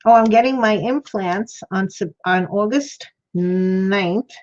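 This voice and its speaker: A woman's voice: mid-range voice, takes it slowly, a little mellow. Toothless-sounding woman rambling over crafts, dull sound. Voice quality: toothless, slightly mushy articulation. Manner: rambling, thinking aloud. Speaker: craft livestream host. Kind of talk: casual chat while demonstrating crafts. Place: indoor craft worktable.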